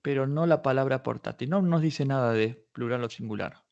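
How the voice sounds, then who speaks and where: A man's voice: medium pitch, normal speed, vocal fry, a little mellow, highs cut off. A man in a workshop, walking listeners step by step through a database search, thinking aloud and correcting himself as he goes. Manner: explains step by step, thinking aloud with many restarts. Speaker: workshop instructor. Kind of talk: live online patent search tutorial.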